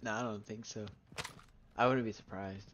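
A man's voice: lowish voice, steady tone, moderate pace, lo-fi sound, background noise. A young man streaming a game, chatting casually with friends in laid-back bro-ish slang. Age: young adult. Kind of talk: casual gaming chat. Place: indoor room at a gaming setup.

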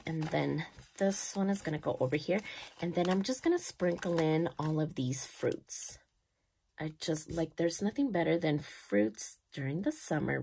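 A woman in her thirties chatting casually as she decorates her planner, gushing and thinking aloud, sometimes dropping soft. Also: on the low side, gravelly, slight background noise. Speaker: planner vlogger.

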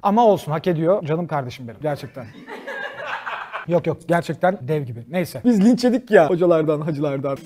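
Lively fast-talking male comedy host. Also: on the high side, background noise. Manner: animated, joking and cursing freely, often laughing mid-sentence. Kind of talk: stand-up style monologue to a studio audience.

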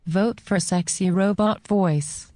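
A woman voicing a sexy female robot announcer in a slow, sultry delivery, with a synthetic robot voice effect. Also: mid-range voice, mellow, no echo. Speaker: podcast intro announcer.

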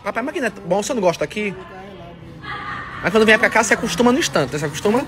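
Man, playful and animated. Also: high-pitched, very fast, music in the background. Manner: playful, teasing, exclamatory. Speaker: vlog host. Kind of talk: casual chat. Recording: crowded room with lots of chatter.

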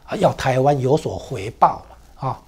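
A man's voice: medium pitch, lively intonation, normal speed, a little mellow, slightly rough. A man with a Taiwanese Mandarin accent giving emphatic talk-show commentary, full of rhetorical questions and 啊 and 哦 fillers. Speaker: political commentator.

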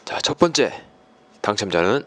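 A man's voice: lowish voice, very animated, moderate pace, fairly bright tone, no room sound. A man hosting a YouTube channel, presenting a giveaway winner announcement in polite, formal phrasing.

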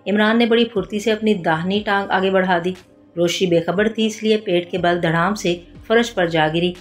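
A woman's voice: mid-range voice, moderate pace. Woman narrating a detective story. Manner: steady storytelling delivery. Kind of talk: audiobook narration of a detective novel. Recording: soft background music.

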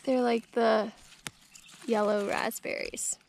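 A young woman talks her way slowly and easily through a garden tour, her voice sitting a little high. She fills her speech with casual fillers. A handheld camera catches her outdoors, with faint country noise behind her. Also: steady tone. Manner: easygoing, chatty, lots of fillers. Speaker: homestead vlogger. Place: outdoors in a rural garden on a hot day. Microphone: handheld action camera.

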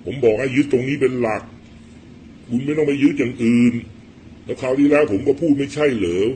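A middle-aged man giving blunt, rough-spoken political commentary in a casual storytelling monologue. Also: mid-range voice, fairly quick, mellow, slight background noise.

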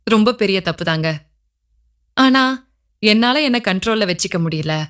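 A woman's voice: medium pitch, animated, measured pace, fairly bright tone, clear, resonant tone. A woman voicing a lovesick man who makes earnest, emotional declarations in a spoken story. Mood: desperate. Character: lovesick man, desperate and pleading.

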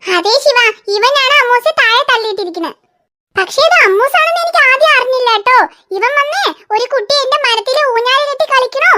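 A woman doing a sharp, scolding cartoon mother. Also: very high-pitched. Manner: scolding, quick, threatening. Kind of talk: cartoon voice acting.

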